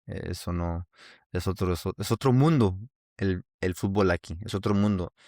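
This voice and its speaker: This Mexican man hosts a casual solo podcast, rambling and often restarting his sentences in a Mexican Spanish accent. His low-pitched voice is a little mellow at a moderate pace, recorded in studio quality with no room sound.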